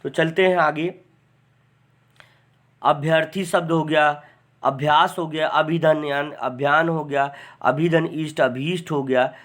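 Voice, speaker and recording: Brief: male grammar teacher, slightly high-pitched, chatty and deliberate. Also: steady tone, a bit bright. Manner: chatty, repeats "है ना" often; dictates word forms slowly and deliberately. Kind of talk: online class lecture.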